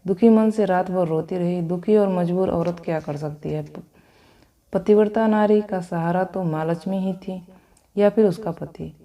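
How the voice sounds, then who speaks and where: A woman narrating a devotional vow story in a steady storytelling manner, with small slips and restarts. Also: on the low side, measured pace, dull audio.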